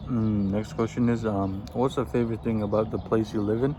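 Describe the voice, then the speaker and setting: Outdoors with birds and background noise around him, a man from Afghanistan in his twenties eats and answers get-to-know-me questions for his vlog. His voice is on the low side with fairly even intonation, and he talks a little fast. He comes across easygoing, rambling loosely through his answers.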